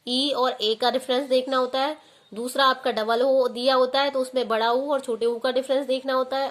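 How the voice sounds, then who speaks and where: A woman's voice: high-pitched, fairly bright tone. A woman teacher giving an online grammar lesson, asking questions and then answering them herself.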